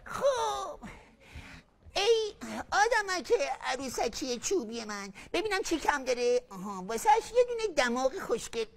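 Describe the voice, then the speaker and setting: A woman's voice: high voice, big pitch swings. A woman voicing a fussy, vain old male carpenter in a children's TV puppet story, muttering to himself as he works.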